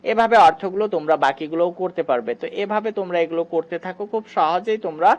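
Online grammar teacher, patient and methodical, slows for examples, keeps telling students to look. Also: mid-range voice, muffled recording. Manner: patient, slows right down to say each English example. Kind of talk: explaining step by step to students.

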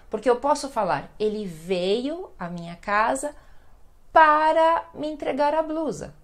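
A woman teaching a lesson, explaining slowly and repeating example sentences, often adding "né". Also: on the high side. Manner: frequent tag questions "né". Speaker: Portuguese teacher. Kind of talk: online language lesson.

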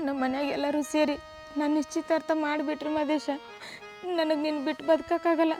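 A woman's voice: high voice, lightly acted. A woman playing a young village daughter who pleads against an early marriage, with a North Karnataka accent, in an amateur village drama. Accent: North Karnataka Kannada. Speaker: daughter pressed to marry.

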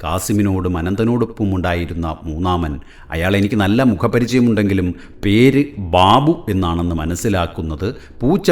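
A man's voice: sits low, a little mellow. A man narrating a story for a school lesson in a wry, reflective first-person manner.

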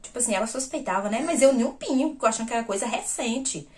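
A woman's voice: a little high, lively intonation, rapid-fire. A woman vlogger in a casual personal storytelling style. She speaks straight to her viewers and acts out the conversations she retells. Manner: talks straight to viewers as "gente". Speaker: vlogger sharing personal news.

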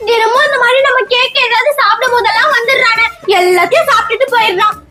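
A woman's voice: very high-pitched, fast talker. A woman playing a bratty daughter in a family comedy skit.

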